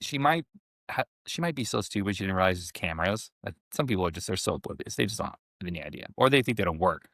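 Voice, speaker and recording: A man's voice: deep voice, expressive, fast talker, a bit bright, no echo, studio quality. A man guesting on a podcast, laid back in casual chat with lots of filler words.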